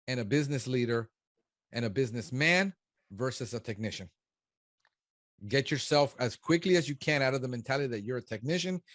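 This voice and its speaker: A man's voice: on the high side, a bit bright, dry recording, clean studio sound. A man in his fifties, a business consultant, giving blunt and emphatic one-on-one coaching. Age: 50s. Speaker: pest control business consultant.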